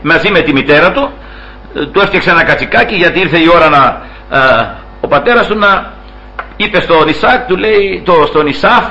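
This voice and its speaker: A man preaching a sermon, retelling a story with lively acted-out dialogue and occasional laughter. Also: highs cut off. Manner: acts out quoted dialogue with raised pitch, laughs while telling.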